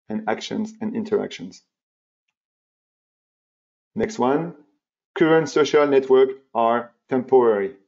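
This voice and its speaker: The webinar audio is dull and muffled as a man, originally a French speaker, presents on marketing. His mellow, medium-pitched voice is emphatic and repetitive, broken up by many fillers and restarts.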